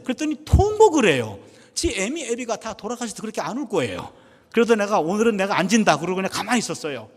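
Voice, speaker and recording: A middle-aged man preaching a sermon, telling a family story and acting out the voices in it. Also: high-pitched. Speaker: pastor and former professor. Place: church sanctuary. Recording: church hall reverb.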